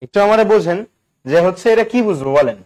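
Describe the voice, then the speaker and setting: A man's voice: high-pitched, animated, a little fast, a little mellow. A man teaching English grammar in a live online class, chatty and quizzing his students with constant questions.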